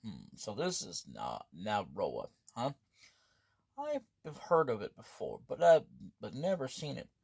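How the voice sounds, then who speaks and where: Man reading as a calm young swordsman hero. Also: lowish voice, slow pace, vocal fry, husky, dry recording, studio quality, pitched below the performer's own voice, full character voice. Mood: musing.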